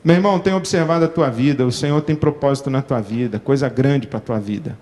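A man with a Brazilian accent playing a smooth, manipulative pastor who coaxes a churchgoer in a mock-earnest voice. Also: medium pitch, a little fast, a little mellow, in a large hall, lightly acted. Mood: flattering. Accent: Brazilian Portuguese.

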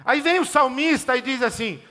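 A man's voice: very high-pitched, moderate pace, bright, forceful tone. A middle-aged man preaching a conversational sermon, emphatic and fond of rhythmic repeated lists. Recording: long hall reverb.

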